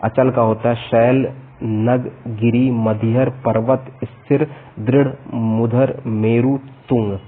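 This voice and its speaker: A man with a North Indian Hindi accent runs through an exam vocabulary lesson in Hindi, rattling off synonyms and word pairs and pausing at times to explain. His mid-range voice is flat with a breathy edge, and the audio is tinny, narrow-band and lo-fi.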